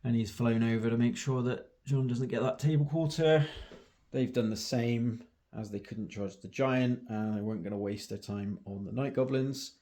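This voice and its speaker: A man's voice: medium pitch, normal speed, warm tone. A man recapping his army's turns in a tabletop battle report, matter-of-fact and a little wry.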